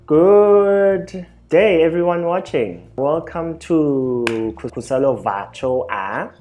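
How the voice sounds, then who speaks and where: A man's voice: fairly high pitch, slow, warm tone, highs cut off. A young man hosts a video call interview, asking eager questions broken up by fillers. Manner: eager, with many fillers and backchannels. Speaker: host, interviewer. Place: small room indoors. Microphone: webcam on a video call.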